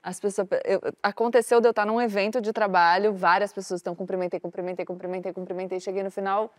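A woman's voice: medium pitch, level tone, quick pace, no echo. A woman on a chat panel, telling a self-mocking story about herself. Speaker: panel guest.

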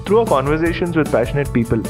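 A man's voice: on the high side, expressive, fast, over music. A man hosting a podcast, reading a scripted intro and interviewing in an upbeat, welcoming manner. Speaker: podcast host.

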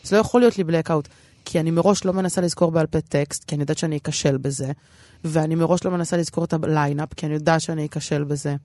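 A woman's voice: low-pitched, fairly even intonation, warm tone, no echo. A woman with an Israeli accent talking casually as an interview guest, in a rambling, self-deprecating, repetitive way. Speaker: stand-up comedian, interview guest.

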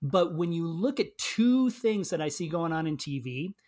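Low, lively, husky man's voice. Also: moderate pace. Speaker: panelist. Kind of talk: casual chat.

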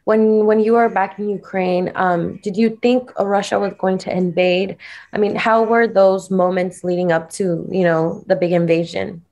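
Woman interviewer asking gentle questions. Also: medium pitch, steady tone, normal speed, lo-fi sound.

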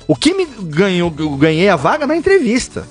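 A Brazilian man appears as a podcast guest in a casual interview, animatedly telling a story, acting out the dialogue and restarting a few times. His voice is high-pitched and a little fast, with soft music in the background.

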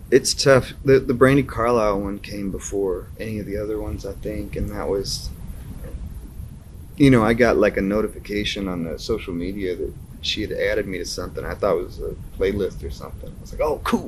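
A man's voice: fairly low pitch, a little mellow, a little hiss or hum. A man in his thirties, a musician guest telling stories in a casual interview, laughing often and acting out his own reactions. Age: 30s.

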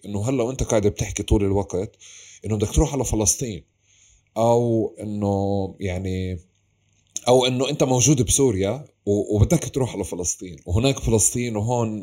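Male interviewer, Palestinian Arabic accent, rapid delivery in a lower register, casual and discursive. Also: dark tone.

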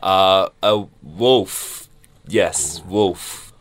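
A man's voice: sits low, very slow, fairly bright tone, no room sound. A man playing a bachelor on a joking podcast dating game, fumbling and hesitant when he answers.

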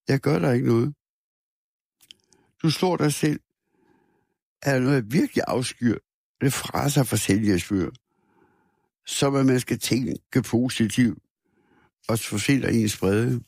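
A man reading a first-person literary story aloud in a measured, somber way, with a few small restarts. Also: medium pitch, creaky, darkish tone, dry recording, clean studio sound. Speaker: narrator.

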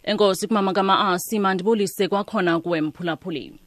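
A woman's voice: mid-range voice, fast, over loud music. A woman reading a scripted radio news bulletin.

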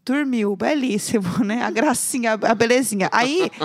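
Animated high-voiced woman. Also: moderate pace, no room sound, studio quality. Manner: animated, acts out quoted voices. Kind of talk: casual storytelling chat.

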